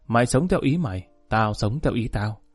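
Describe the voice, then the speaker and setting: A man's voice: medium pitch, animated, moderate pace, slightly rough, soft background music. A man reading a proud gang boss. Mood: defiant. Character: proud, stubborn male gang boss, addicted.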